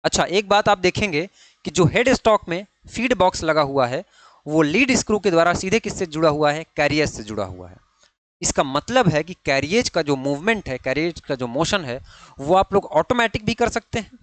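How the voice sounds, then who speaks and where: A man's voice: a little high, very animated, moderate pace. A man teaching an exam-prep class on machine parts, posing questions and answering them himself, often repeating key terms. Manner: frequent checking tags, repeats key terms. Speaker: ITI fitter exam teacher. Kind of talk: online classroom lecture.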